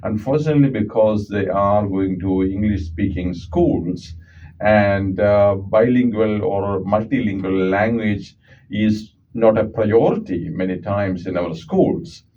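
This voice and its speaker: An audiologist from Kerala, whose first language is Malayalam, explains things earnestly as a guest in a radio studio, with a South Indian accent and frequent "uh" and "okay" fillers. His voice is on the low side, measured and dark in tone. The recording is muffled, with him far from the mic and a little hiss or hum.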